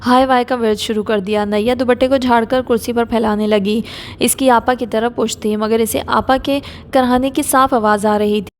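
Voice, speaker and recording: A woman narrating an audio novel in a steady, even storytelling manner. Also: fairly high pitch, in a large hall.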